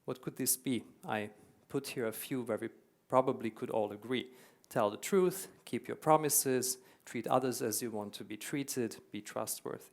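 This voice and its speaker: A man's voice: mid-range voice, normal speed. A man from Hungary who grew up in Germany, speaking with a German accent as he gives a conference keynote in a hall, earnest and explanatory, repeating words for emphasis. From Hungary, raised in Germany.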